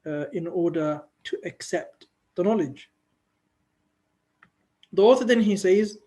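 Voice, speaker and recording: A man teaching a religious class, reading passages of classical Arabic quickly and explaining them in English with pauses and fillers. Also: high voice, dark tone. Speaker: Islamic teacher. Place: Islamic centre.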